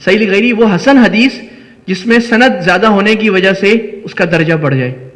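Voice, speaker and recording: A man's voice: high voice, a bit bright. A man with a Pakistani Urdu accent, an Islamic scholar giving a lecture who explains step by step and asks and answers his own questions. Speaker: Islamic scholar teaching hadith studies. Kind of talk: classroom lecture. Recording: long hall reverb.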